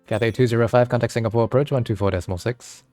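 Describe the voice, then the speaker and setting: A man's voice: mid-range voice, fairly even intonation, very fast, dark tone, soft background music. A man acting as air traffic controller, giving clipped radio instructions to pilots.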